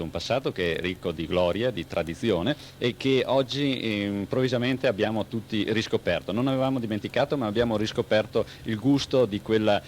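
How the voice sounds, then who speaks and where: A man, a sports journalist giving reflective radio commentary in solemn, rhetorical phrases with repetitions. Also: on the low side. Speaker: newspaper sports editor as commentator. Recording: noisy 1980s radio recording.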